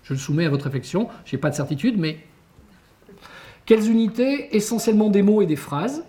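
A man giving a conference lecture to teachers as an education researcher, talking in an animated, emphatic way and posing rhetorical questions to the room. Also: sits high, a little fast.

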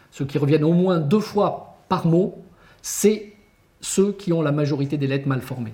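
An education researcher speaks to teachers at a conference in a voice on the high side. He's animated and emphatic, throwing rhetorical questions out to the room.

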